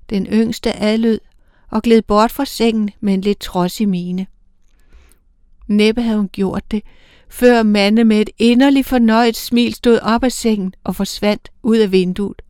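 Smooth-voiced woman reading a story. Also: medium pitch, fairly even intonation, darkish tone, dry recording, studio quality. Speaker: narrator.

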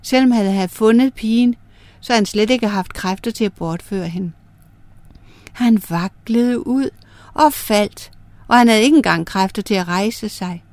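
Woman reading folk tales aloud, lively and clear, dry close mic. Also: medium pitch, dry recording. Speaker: storyteller. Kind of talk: storybook narration of folk myths.

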